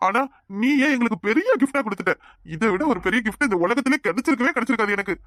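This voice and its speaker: A man voicing an excitable young husband in a Tamil cartoon, talking fast and fussing emphatically. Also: very high-pitched, no room sound, clean studio sound. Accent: Tamil Nadu Tamil. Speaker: Nettappan, husband figure. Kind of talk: cartoon dub voice acting.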